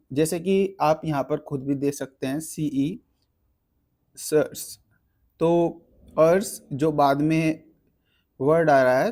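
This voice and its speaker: A man teaches a vocabulary lesson in a somewhat high voice. He explains patiently, spells words out letter by letter, and links each one to an easy memory trick. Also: a little mellow.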